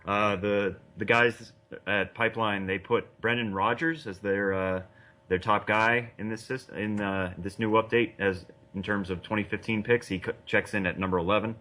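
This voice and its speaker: A man's voice: on the low side, fairly even intonation, normal speed, bright, forceful tone. A man co-hosting a sports podcast, giving casual analysis in an easygoing, slightly hesitant explanatory way. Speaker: podcast co-host and baseball analyst.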